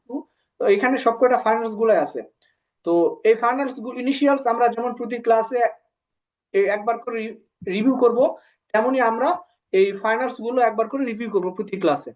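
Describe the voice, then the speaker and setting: A man with a Bangladeshi Bengali accent teaching an online language class, slowly saying syllables for students to repeat. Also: extremely high pitch. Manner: slow drilling, repeating syllables for students to echo.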